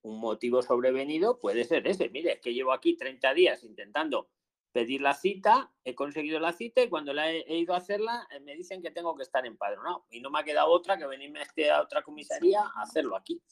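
Man, Spain Spanish accent, gravelly, live call-in host, chatty, repeats points for emphasis. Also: on the high side, animated, fast. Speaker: asylum advice host.

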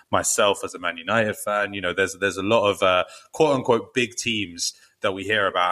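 Bright, forceful male host. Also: deep voice. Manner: upbeat, scripted intro then conversational. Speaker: podcast host. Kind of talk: podcast hosting and interviewing.

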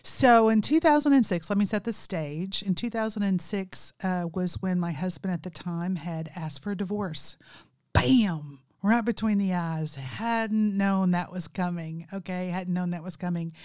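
A woman's voice: medium pitch, normal speed, darkish tone, smooth, no room sound, studio quality. A middle-aged woman hosting a podcast, telling a story in a casual, unscripted way. She laughs often and talks straight to her listeners. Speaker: podcast host.

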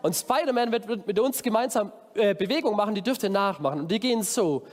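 A man preaching a lively children's sermon at a camp, energetically calling out to his young audience from a stage. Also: high voice, quick pace. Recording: long hall reverb.

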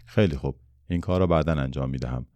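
A man's voice: very deep voice, warm tone, dry recording, voice pushed down. A man voicing a stern, businesslike father. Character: stern wealthy father, factory owner. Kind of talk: storybook reading.

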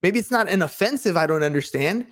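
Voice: mid-range voice, expressive, fast talker, a bit bright. A podcast co-host talking casually and motivationally, earnest and rambling, often checking that the listener agrees.

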